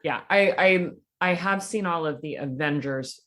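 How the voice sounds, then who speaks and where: A woman hosts a podcast interview in a casual, friendly way. Her voice is low-pitched. She laughs easily and softens her questions with small hedges. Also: moderate pace. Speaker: podcast host and coach.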